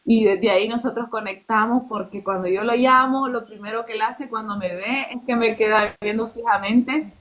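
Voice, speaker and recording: This guest is a Nicaraguan woman in her thirties whose fairly high, slightly bright voice holds a steady tone at a moderate pace. She tells her personal testimony with earnestness, performing the lines of dialogue she recounts.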